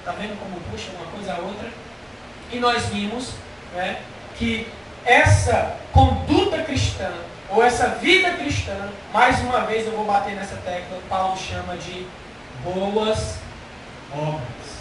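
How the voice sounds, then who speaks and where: A man's voice: high voice, normal speed, background noise. A Brazilian Portuguese-speaking man preaching an expository sermon in a church, emphatic and repeating key phrases for stress. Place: church hall. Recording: very echoey church hall, mic at a distance.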